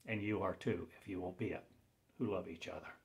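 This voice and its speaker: In a low, steady, creaky voice, a self-appointed preacher rambles through a spiritual proclamation. His solemn words come in halting pieces, often fading to near whispers.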